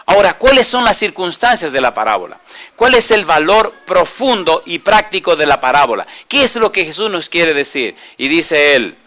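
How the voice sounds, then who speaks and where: Bright-voiced pastor preaching. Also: male voice, fairly high pitch, sing-song. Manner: asks the audience questions and answers them himself; reads scripture slowly and deliberately. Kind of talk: sermon.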